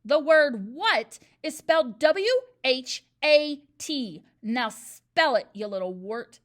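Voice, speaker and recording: A woman's voice: a little high, very animated, moderate pace. A woman voicing a huge, furious, bullying headmistress who barks and snaps at children. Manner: loud, barking, snapping.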